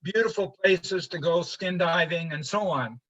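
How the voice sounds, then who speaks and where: An older man from Honduras giving an informal slide lecture, halting with many fillers and restarts. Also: sits high, a bit bright. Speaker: presenter. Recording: muffled lo-fi livestream audio.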